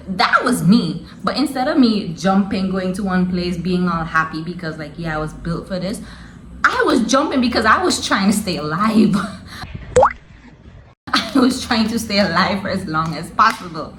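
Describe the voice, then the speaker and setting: A young woman tells a story with a lively, swooping pitch, all slang and frequent laughter. Her voice echoes around a roomy space. A faint hiss sits under the recording. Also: measured pace. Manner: animated, slangy, laughing often. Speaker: vlogger. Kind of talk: casual storytelling.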